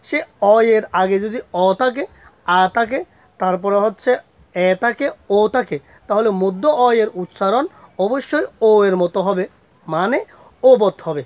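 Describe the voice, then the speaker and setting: A man's voice: sits high, dry recording. Male teacher, patient step-by-step pronunciation lesson, repeats and quizzes himself. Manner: slow, repetitive, asks and answers own questions; spells out letters one by one. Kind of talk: spoken grammar lesson.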